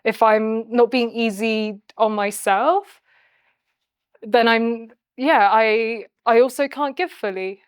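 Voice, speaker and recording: A woman's voice: on the high side, slow, clear, resonant tone, no echo, studio quality. A woman speaking in a reflective documentary interview, thinking things through with hesitations and restarts. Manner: thoughtful, hesitant, self-searching. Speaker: interviewee and docuseries assistant.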